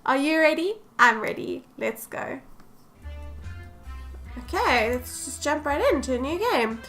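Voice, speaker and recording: A woman's voice: high-pitched, lively intonation, unhurried, a bit bright, faint music behind. A woman game streamer giving cheeky, giggly let's-play commentary.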